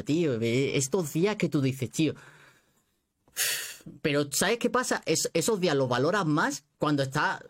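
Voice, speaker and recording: Young man laughing through casual chat. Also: a little high. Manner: laughs often, says "tío" a lot. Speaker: podcast host.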